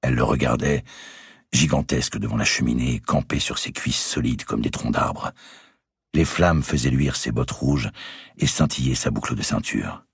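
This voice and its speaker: A man reading aloud a historical novel in an expressive storytelling manner. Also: extremely low pitch, moderate pace, creaky, husky, no echo, studio quality. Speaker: audiobook narrator. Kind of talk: scripted narration of a historical novel.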